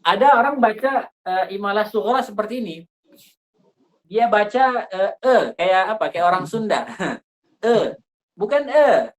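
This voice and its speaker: A man's voice: sits high, expressive, normal speed, pauses often. A man teaching a recitation class, explaining rules informally with lots of fillers and acted-out vowel examples. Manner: informal, thinks aloud with fillers, demonstrates vowel sounds.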